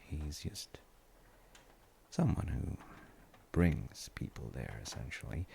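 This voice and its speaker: A man gives a full character voice as a very deep, gravelly, slow-speaking dad, a gentle, musing father comforting his tired grown child. It's a soft, rambling sleep-aid audio roleplay, delivered unhurried and halting with soft trailing phrases.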